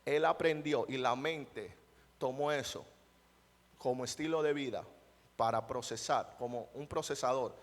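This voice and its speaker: A man's voice: mid-range voice, unhurried. Man preaching in a reverberant church. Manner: rhetorical questions to the congregation, emphatic. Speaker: pastor. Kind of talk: sermon. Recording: long church hall reverb.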